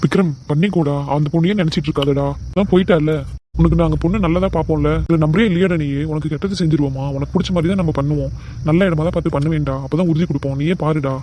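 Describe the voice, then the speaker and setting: A man plays a cartoon brother who keeps pleading with and persuading his sibling. The voice is dark and warm, and the words come out in a very quick rush. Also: fairly high pitch, steady tone, a little hiss or hum, close to an everyday voice. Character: coaxing elder brother. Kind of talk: cartoon voice acting.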